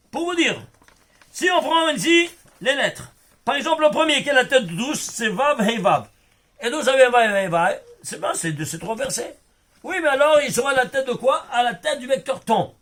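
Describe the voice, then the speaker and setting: A man with a notably high-pitched voice teaches a small group in a casual Torah class. He explains in an animated way and often stops to ask if everyone has understood. He sounds like a rabbi among his students. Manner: animated explainer who keeps checking if students follow.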